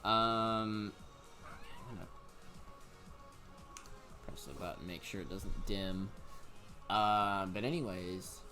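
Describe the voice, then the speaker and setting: Slow-talking rambling young man, low voice. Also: sharp tone, faint music behind. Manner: rambling, many fillers and restarts. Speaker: let's play commentator. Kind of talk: casual gameplay commentary.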